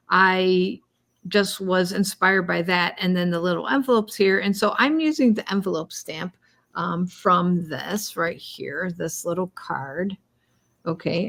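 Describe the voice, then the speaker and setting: A woman's voice: lowish voice, creaky, a bit bright. A woman co-hosting a cardmaking video, chatting casually and a little rambly as she demonstrates. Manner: chatty, rambling, self-deprecating. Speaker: cardmaking co-host.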